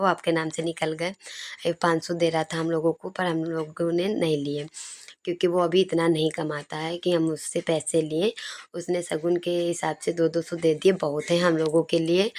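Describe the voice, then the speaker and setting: A young woman casually narrating her family video in a chatty, fond way, laughing now and then. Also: on the low side. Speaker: vlogger.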